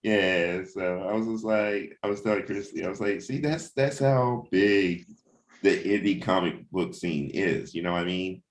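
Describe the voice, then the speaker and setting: A man with a low-sitting voice leads a team meeting of comic book creators at a moderate pace. He keeps things casual and informal, planning and sharing anecdotes while often checking in with his listeners.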